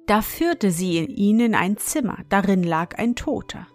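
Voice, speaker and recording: A woman narrating a fairy tale in a calm, measured storytelling manner. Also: medium pitch, faint music behind.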